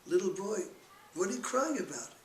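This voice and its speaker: Man doing a gentle old sage, soft, quiet, roomy echo, faint background hiss. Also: high voice, big pitch swings, normal speed, pitched above the performer's own voice.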